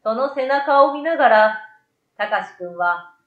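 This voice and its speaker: In a small, bright room, a middle-aged woman with a fairly high, animated voice tells a children's story expressively, keeping a measured pace. Her desktop condenser mic is placed to the side, and the recording sounds roomy and somewhat dull.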